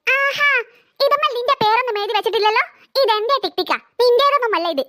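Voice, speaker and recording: A woman's voice: extremely high pitch, fast talker, pushed and bright, dry recording, clean studio sound. A woman voicing a cheeky, defiant cartoon girl who argues back and whines to her mother. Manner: whiny, defiant, teasing. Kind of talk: cartoon voice acting.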